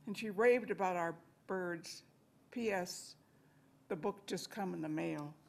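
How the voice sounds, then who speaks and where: An older woman, an amateur reader in a reading-aloud group, expressively recites a conversational poem at a podium microphone in a library meeting room. Her voice is lowish and unhurried with vocal fry, and there's a little hiss or hum.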